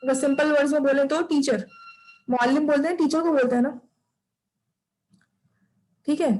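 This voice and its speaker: High-pitched woman, teaching an online arabic class, patient, repeats stuff and keeps checking in. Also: fairly even intonation, normal speed, a little mellow, low-quality recording.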